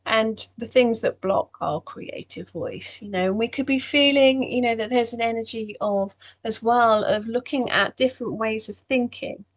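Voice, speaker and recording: A woman's voice: a little high, moderate pace, few pauses. A woman giving a meandering spiritual astrology talk, full of "you know" fillers. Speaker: astrology channel host.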